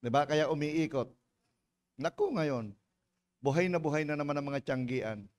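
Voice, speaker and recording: A man's voice: on the high side, big pitch swings, normal speed. A man from the Philippines preaching a sermon as a pastor, mixing Tagalog and English and firing rhetorical questions at the congregation. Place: church.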